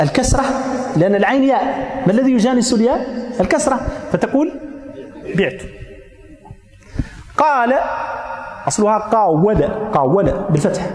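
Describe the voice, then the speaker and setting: A man giving a grammar lesson, explaining step by step and stopping to check that his listeners have understood. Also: extremely high pitch. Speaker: teacher of Arabic grammar. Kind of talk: classroom lecture. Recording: echoey hall reverb.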